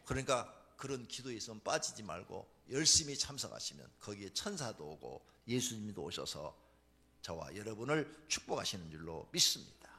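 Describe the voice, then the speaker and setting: A male pastor preaching a fervent sermon, moving from hushed storytelling to shouted exhortation. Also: on the low side, big pitch swings, moderate pace.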